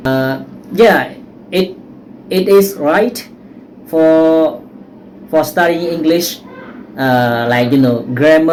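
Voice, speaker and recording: Cambodian-accented English teacher, unhurried halting delivery, medium pitch, repetitive informal advice, frequent check-in tags, noisy background. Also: darkish tone. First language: Khmer. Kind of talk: informal spoken advice to learners, to camera. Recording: noticeable background noise.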